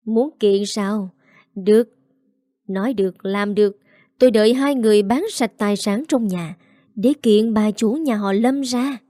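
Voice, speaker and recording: This is a cold matriarch of a wealthy household in a spoken story, read by a woman. She is contemptuous and domineering, with a dark, mellow tone in a dry recording. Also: mid-range voice, a little slow, no room sound, lightly acted. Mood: scornful. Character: cold, haughty rich matriarch, older woman.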